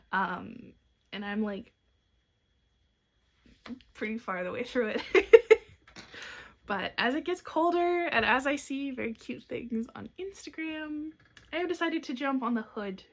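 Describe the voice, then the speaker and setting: Her voice is high with a gravelly edge as this young podcast host, a knitwear designer, chats brightly through a casual show-and-tell of her work. Soft asides slip in, and she keeps hiccuping.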